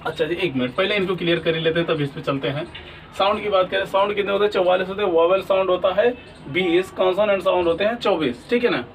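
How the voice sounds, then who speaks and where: Fast and high-pitched, this male teacher runs an English class by raising questions and supplying the answers himself. "ठीक है ना?" comes up again and again as he makes sure students are keeping up. The recording is low quality and captured from a distance.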